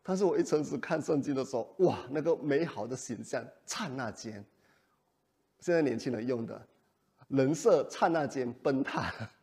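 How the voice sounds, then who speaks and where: A male pastor preaching a sermon in an animated way, often putting rhetorical questions to the congregation. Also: mid-range voice, normal speed.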